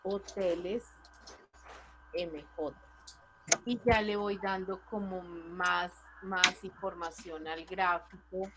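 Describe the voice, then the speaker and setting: A woman's voice: on the low side, steady tone, takes it slowly, background noise. A woman teacher, walking a class through charts in a patient, question-checking way over a computer mic. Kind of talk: online class explaining spreadsheet charts.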